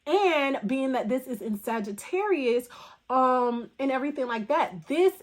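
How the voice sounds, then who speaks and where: A woman's voice: sits high, animated, measured pace. A woman tarot reader talking casually in a spiritual vlog, with a voice still recovering from the flu and rambling, filler-filled speech. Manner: rambling, filler-heavy talk.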